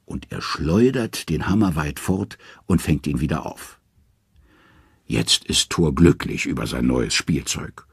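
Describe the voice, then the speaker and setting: A man narrating an audiobook of myths with expressive storytelling. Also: rumbling low, a little slow, creaky, breathy edge, no room sound, studio quality. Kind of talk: scripted narration.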